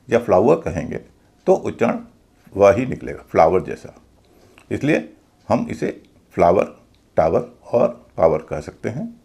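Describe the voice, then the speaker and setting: A man with an Indian accent teaching English pronunciation in a video lesson, spelling out letters slowly before saying each word. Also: fairly low pitch, vocal fry, dark tone, slightly rough.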